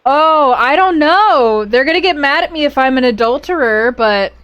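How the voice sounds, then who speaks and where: A woman's voice: high-pitched, animated, normal speed, a bit bright, dull audio. A woman streaming a strategy game live. She reads the event text aloud, reacts with playful exclamations and talks to her chat.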